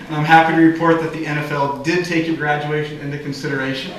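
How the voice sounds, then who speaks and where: A man's voice: a little high, level tone, fast talker, a little hiss or hum. A man from the Bay Area giving a commencement speech at a graduation ceremony, with a joking delivery. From San Francisco Bay Area. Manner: warm joking delivery with audience laughter. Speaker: commencement speaker. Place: large hall at a graduation ceremony. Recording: echoey hall, distant mic.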